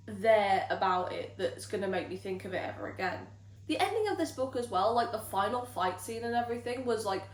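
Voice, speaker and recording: Young female book vlogger, casual and emphatic, medium pitch, recorded in a bare, echo-heavy room. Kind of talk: casual chatty monthly reading review. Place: home library room with bare surfaces. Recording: echoey unfurnished room.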